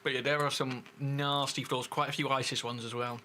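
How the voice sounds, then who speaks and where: Bright-sounding guy streaming a game, chatty, answering chat as he plays. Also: mid-range voice, little pitch movement, brisk, a little hiss or hum. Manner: chatty, reads and answers chat while playing. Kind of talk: casual gaming livestream commentary.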